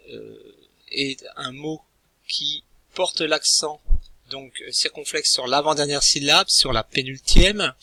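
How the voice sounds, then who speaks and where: A man teaching a recorded language lesson, speaking in a hesitant way with frequent pauses and restarts. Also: mid-range voice, sharp tone, no echo. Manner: hesitant, many filler sounds and restarts.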